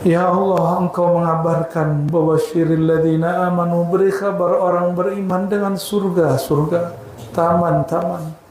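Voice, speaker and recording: A man's voice: sits high, level tone, unhurried, a little mellow, a little hiss or hum. A middle-aged man leading a fervent, pleading prayer with repeated invocations at a religious study evening. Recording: very echoey hall, faint ambience.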